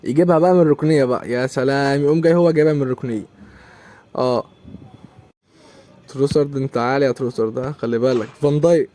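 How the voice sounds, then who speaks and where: A man's voice: medium pitch, fairly even intonation, racing, pauses often, mellow, a little hiss or hum. A young man with an Egyptian Arabic accent commentating his own football video game match, exasperated and repeating his complaints. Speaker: gaming YouTuber.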